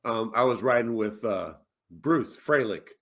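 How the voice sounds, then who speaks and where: Brief: male ex-cop, relaxed and measured storyteller, mid-range voice. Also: medium pitch. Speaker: retired police officer. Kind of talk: casual storytelling.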